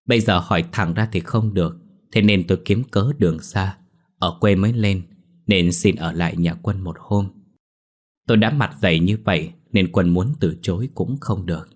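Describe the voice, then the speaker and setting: A man narrating a first-person ghost story in a steady storytelling manner. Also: low-pitched.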